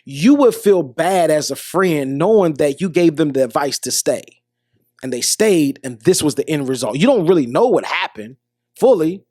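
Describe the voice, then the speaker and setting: A man's voice: on the high side, lively intonation, normal speed, mellow, no echo, studio quality. Earnest American man giving relationship advice. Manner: earnest, repeats himself, restarts phrases. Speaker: podcast host. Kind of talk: motivational monologue.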